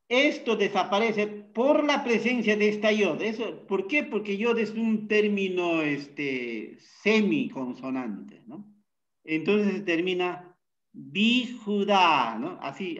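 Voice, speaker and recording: A man teaching a Bible Hebrew class, unhurried, often pausing with fillers and checking in with tag questions. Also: on the high side, highs cut off. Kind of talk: classroom lecture.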